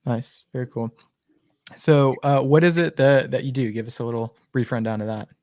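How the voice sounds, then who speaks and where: A young man hosting a casual podcast, talking in a relaxed way with lots of fillers. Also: medium pitch, moderate pace, dry recording, studio quality. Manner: relaxed, filler-heavy, friendly. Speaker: podcast host.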